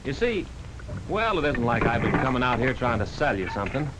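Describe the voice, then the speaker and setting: An actor in a 1940s film plays an earnest small-town insurance salesman, folksy, patient and persuasive. He speaks at a medium pitch, very animated and fairly quick, much like an everyday voice, on a noisy 1940s film soundtrack.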